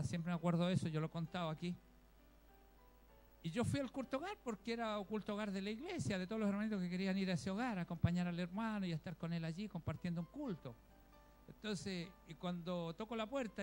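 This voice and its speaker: A Chilean man preaching in a relaxed, storytelling way, his voice pitched notably high for a man. He speaks to the congregation as brothers and sisters. Faint music plays softly behind him. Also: fast talker. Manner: homely storytelling, often addresses listeners as brother. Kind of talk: conversational sermon.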